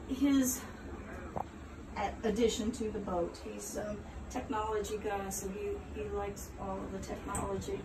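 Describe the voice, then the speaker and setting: A middle-aged woman giving a relaxed, hesitant tour of her boat, with many pauses and ums. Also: medium pitch. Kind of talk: casual tour talk. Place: aboard a river sternwheel boat. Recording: roomy echo, distant, noisy.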